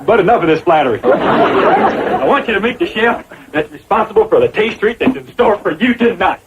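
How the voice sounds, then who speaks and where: A man's voice: sits high, big pitch swings, normal speed, a loud crowd, heavy background noise. An actor playing a naive, boastful young hillbilly man with a rural Southern drawl and a folksy, cocky way of talking. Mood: pleading. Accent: rural Southern American. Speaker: restaurant owner. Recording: dull 1960s TV audio, loud laugh track.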